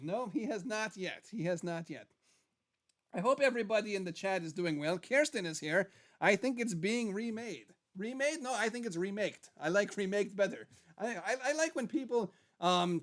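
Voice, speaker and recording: Chatty skeleton host, played by a man, high skeleton-character voice, rambling livestream patter with repeated phrases. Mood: chatty, playful. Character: animated skeleton character, chatty male puppet show host. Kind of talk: casual in-character livestream chat.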